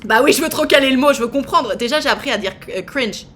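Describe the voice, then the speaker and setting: A woman in her thirties hosts a live stream, chatting and teasing her viewers with plenty of fillers. Her voice sits a little high. A faint hiss runs beneath it. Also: animated, fast talker, fairly bright tone. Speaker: streamer host. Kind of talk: casual live-stream chat.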